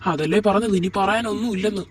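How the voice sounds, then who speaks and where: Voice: mid-range voice, quick pace, far from the mic, close to an everyday voice. A performer voicing an angry, suspicious young husband in a home-made doll drama, curt and contemptuous. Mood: accusing. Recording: voice set back from the mic.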